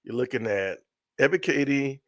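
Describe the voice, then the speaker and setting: A middle-aged man hosting a casual live sports stream, excitable and repetitive, often trailing off mid-sentence. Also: mid-range voice, moderate pace, no echo, clean studio sound. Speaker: sports show host.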